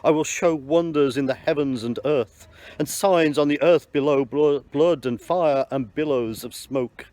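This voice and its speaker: A man's voice: a little high, unhurried, a little mellow, no room sound, close to an everyday voice. A man reading the part of the apostle Peter, proclaiming earnestly to a crowd, with small slips. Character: Peter, bold male apostle addressing a crowd. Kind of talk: church Bible reading in parts.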